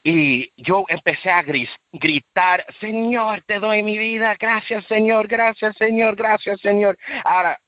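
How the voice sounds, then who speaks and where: A man giving an earnest, emotional personal faith testimony, repeating himself and rising high when he relives shouting. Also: dry recording, highs cut off. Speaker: guest sharing a faith testimony.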